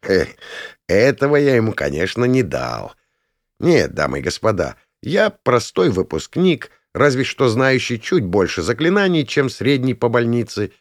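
A man's voice: mid-range voice, big pitch swings, unhurried, no echo, clean studio sound. A man narrating a first-person fantasy audiobook in a sardonic, crude manner.

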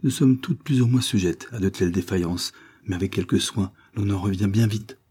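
Male reader voices a warm, insistent young wife; husky, dark tone. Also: on the low side, moderate pace. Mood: solicitous. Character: kind young wealthy wife and mother.

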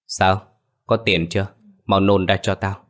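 Casting: a man doing a brutal old landlord, low and coarse, barking orders in an audio story. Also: level tone, a little slow. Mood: contemptuous. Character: cruel greedy old male moneylender landlord.

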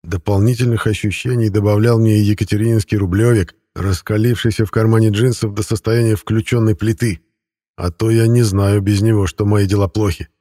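A man reads a fantasy audiobook in the first person, wry and even in his telling. His voice sits low and has a husky grain, and the sound is close and dry with no room around it. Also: brisk, no echo. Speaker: audiobook narrator. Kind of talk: scripted first-person narration.

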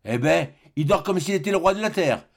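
A man's voice: fairly high pitch, lively intonation, fairly quick, creaky. A man reading the part of a kindly old female servant with a sweet, homely way of talking.

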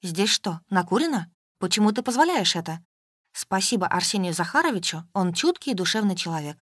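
A woman voicing an older mother who complains without pause in a reproachful, whining way. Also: medium pitch, very animated, fairly bright tone, breathy edge, no echo, studio quality. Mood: nagging. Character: nagging self-pitying older mother, complaining nonstop.

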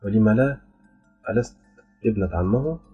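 A man's voice: fairly low pitch, normal speed, breathy edge. A man voicing a beautiful, playful and proud young female jinn who speaks with a teasing, smiling delivery. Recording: dull lo-fi with faint music.

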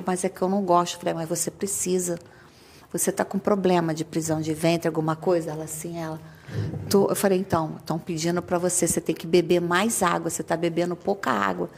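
A woman recounts a story to a small group in a relaxed, chatty way. Her voice sits low with a gravelly fry, and she often stops and restarts her sentences. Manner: chatty, hesitant, many restarts. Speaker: medium sharing an experience.

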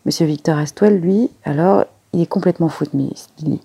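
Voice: mid-range voice, brisk, gravelly, warm tone, husky. A reader voicing a chatty, gossipy young maid who talks eagerly and giggles.

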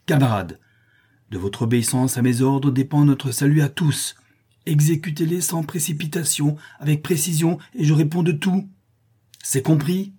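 A man's voice: on the high side, expressive, normal speed, warm tone, husky, voice pushed up. A man voicing bold young leader Harry. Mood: commanding. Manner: barking commands over a storm.

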